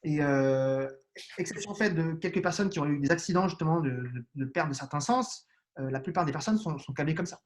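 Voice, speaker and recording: A man's voice: a little high, lively intonation, brisk, slight background noise. A man with children answering interview questions on neuroscience, explaining patiently with frequent restarts and hesitations. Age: adult with children. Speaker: neuroscience guest.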